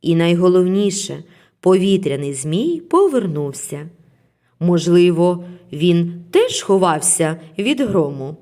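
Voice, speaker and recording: A woman narrating a children's story in a gentle, expressive reading voice. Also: on the low side.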